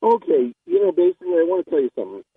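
A man around sixty from the Boston area, calling into a talk show over a muffled, bass-heavy phone line, talking emphatically. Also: huge pitch swings, racing, vocal fry, no room sound. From Boston area, USA. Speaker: radio call-in caller.

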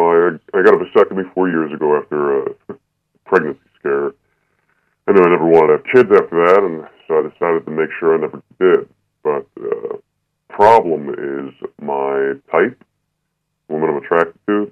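A man in his thirties calling in anonymously, his voice disguised deep by a voice changer, talking bluntly and without apology. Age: 30s. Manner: blunt, unapologetic, halting. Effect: voice changer making it disguised and deep. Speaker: anonymous caller. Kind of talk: call-in radio conversation. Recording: tinny phone line.

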